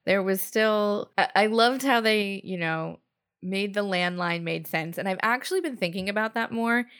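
A woman in her thirties with a mid-pitched voice, co-hosting a casual podcast. She talks in a chatty, giggly way and fills her sentences with "like.". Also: moderate pace, a bit bright, clear, resonant tone. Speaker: podcast co-host. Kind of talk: casual chat.

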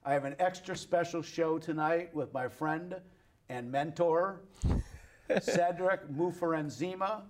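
A man's voice: fairly high pitch, slow pace. A man hosting an interview show, asking questions and backing up his guest with short replies. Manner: friendly, with brief affirmations. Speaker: host. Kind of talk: casual interview conversation.

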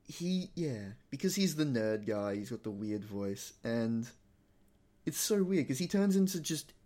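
A man's voice: medium pitch, big pitch swings, measured pace, dark tone. A man chatting casually and eagerly with friends about cartoon monsters. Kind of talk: casual chat.

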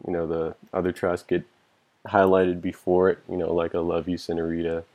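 A man's voice: sits low, completely flat delivery, brisk, a little mellow. A man guest on a music podcast, talking loosely and enthusiastically, swearing casually and filling speech with "like" and "you know.".

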